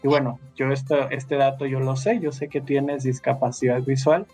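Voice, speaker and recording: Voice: medium pitch, level tone, a little mellow, breathy edge, faint music behind. A podcast host talks in a plain, mid-range voice. The host asks questions in a casual, hesitant way, circling around each point before finishing it. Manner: hesitant, winding questions full of pauses.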